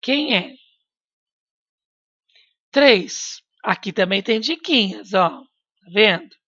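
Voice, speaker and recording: A woman teacher talks slowly and patiently to young pupils, coaxing answers out of them with questions and gentle reminders. The sound is dry and a little dull, like a lo-fi home recording. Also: medium pitch, lively intonation, no echo. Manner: patient, coaxing, asks children questions and repeats prompts. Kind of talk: recorded remote class lesson.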